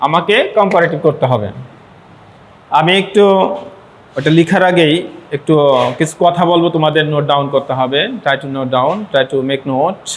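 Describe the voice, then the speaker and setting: A male teacher talks a classroom through a grammar lesson, his voice sitting a little high. He repeats words slowly to model their sound and slips English phrases into his explanations. Faint background noise runs under the recording. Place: classroom with students.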